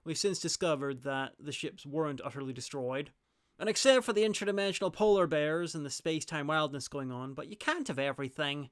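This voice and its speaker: A man delivers scripted review narration wryly and fairly quickly. His clear, smooth voice sits a bit high for a male and has a slightly bright quality.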